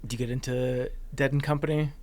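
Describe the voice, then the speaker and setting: A man in his late thirties hosting a podcast, asking relaxed, curious questions in a casual interview. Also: mid-range voice, a little fast. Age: 30s. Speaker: podcast host.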